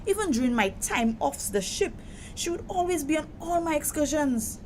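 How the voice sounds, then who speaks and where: A proud, wounded young Caribbean woman, performed by an actress for an audio drama, sounds exasperated, speaking at a moderate pace with emphatic, indignant conversational delivery and a very lively pitch. Background noise is noticeable.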